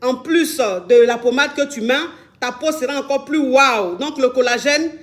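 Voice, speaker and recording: A woman's voice: high voice, moderate pace. A woman hosting a casual live stream from a phone in Dubai, chatting and repeating herself as she promotes a product and fields calls. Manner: chatty, repeats herself, addresses viewers affectionately.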